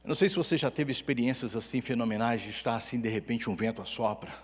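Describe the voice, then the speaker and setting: Man, Brazilian accent, pastor's sermon, husky voice, hall reverb. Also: mid-range voice, quick pace. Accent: Brazilian Portuguese. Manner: storytelling with humor, lively swings between loud and hushed. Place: church hall.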